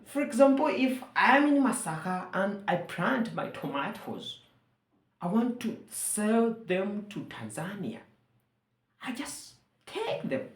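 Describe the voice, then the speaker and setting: Taking it slowly in a sing-song, medium-pitched voice, a woman from Uganda who speaks Luganda as her first language delivers a persuasive monologue to camera. She rallies earnestly and repeats phrases for emphasis, with a reverberant sound around her.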